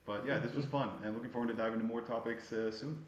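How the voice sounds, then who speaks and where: A man co-hosting a podcast in casual chat, quick and chatty with frequent "right?" asides. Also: medium pitch, fairly even intonation, muffled recording. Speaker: podcast co-host. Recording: echoey room with faint background noise.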